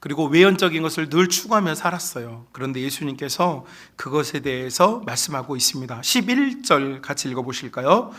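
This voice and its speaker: A man's voice: fairly high pitch, expressive, a little fast, hardly any pauses, fairly bright tone. A male pastor preaching a Sunday sermon, emphatic and often addressing the congregation directly.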